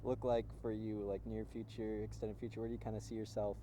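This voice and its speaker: Mellow man chatting in ice-cold water. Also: fairly low pitch, little pitch movement, quick pace, a little hiss or hum. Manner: talking while immersed in ice-cold water. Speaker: interviewer. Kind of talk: casual chat. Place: outdoors in a frozen lake.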